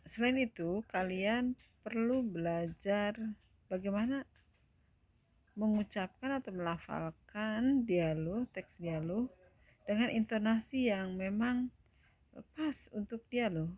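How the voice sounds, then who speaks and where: A young adult woman teacher giving a recorded lesson, explaining slowly and deliberately and checking in with her students. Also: mid-range voice, a little mellow.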